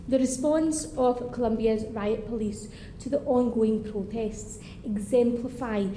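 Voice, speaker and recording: A woman with a thick Scottish accent delivers a formal speech in a debating chamber. Her voice sits a little high but sounds dark and mellow. The room is echoey, with a faint hum underneath. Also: unhurried. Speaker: member of parliament.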